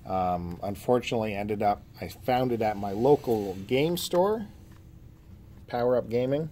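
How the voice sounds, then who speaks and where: A podcast co-host shows off his collection pickups in casual, off-the-cuff chat, filmed indoors on a handheld phone whose camera mic catches noticeable background noise in this amateur video. His voice is fairly low and warm, his intonation lively and his pace unhurried.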